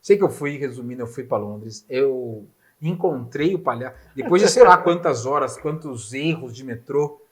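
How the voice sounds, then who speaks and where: A middle-aged man with a Brazilian Portuguese accent hosting a podcast, telling a story in animated, casual chat and swearing freely. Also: medium pitch, moderate pace, hardly any pauses. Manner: animated, swearing, acts out dialogue. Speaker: podcast host.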